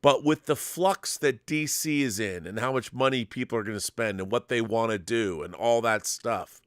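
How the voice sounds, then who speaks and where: In a dry, studio-quality recording, a man with a mid-range, slightly bright voice hosts a live film fan show. His casual chat and opinionated commentary come out emphatic, rambling and sweary.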